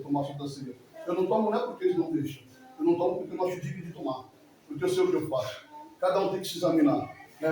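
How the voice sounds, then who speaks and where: A man in his forties tells his story to a church congregation at a quick pace, emotional and rambling, often circling back over the same words. His voice sits high for a man. He is picked up from a distance in a very echoey hall, with faint noise behind him. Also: a little mellow. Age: 40s. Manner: emotional, rambling, repeats himself. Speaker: church member giving testimony. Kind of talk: spoken testimony in church.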